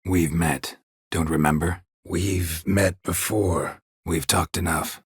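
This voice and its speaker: Heavily acted and slow-paced, a man portrays a weary, gruff monster hunter with a sardonic streak for a video game. His low American voice is husky and gravelly, his lines terse and deadpan, captured in clean studio sound without echo.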